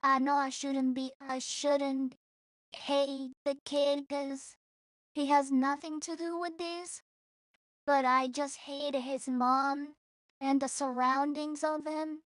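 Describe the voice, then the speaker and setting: A woman from El Salvador speaks in English, in a high, flat-sounding voice. She talks slowly and rambles through a casual vlog, blunt and profane, stopping and restarting her thoughts. The sound is dry and close. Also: no echo. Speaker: streamer.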